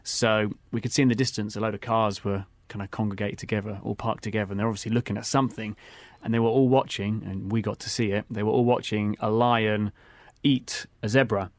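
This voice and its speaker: A man's voice: lowish voice, fairly even intonation, a little fast, no room sound. A man co-hosting a travel podcast, telling stories in an easygoing way with lots of fillers. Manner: easygoing storytelling with frequent fillers. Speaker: podcast co-host. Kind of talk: casual travel chat.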